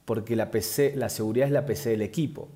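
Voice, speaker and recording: A man speaking as an expert guest, explaining things in a measured way with frequent fillers and restarts. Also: medium pitch, steady tone, dark tone. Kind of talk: explanatory interview answers.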